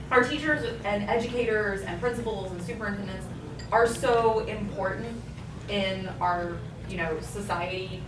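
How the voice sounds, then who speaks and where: A woman hosts in a casual, chatty style with a mid-range voice. She is some distance from the mic in an echoey room with clear noise. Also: mid-range voice. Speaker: host. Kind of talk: casual hosting chat.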